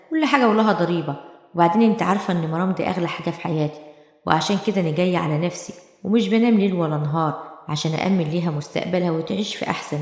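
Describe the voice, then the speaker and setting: A woman's voice: on the low side, darkish tone, lightly acted. A woman voicing a greedy, self-justifying male lawyer in an Egyptian Arabic accent, impatient and defensive, in an echoey room with long reverb.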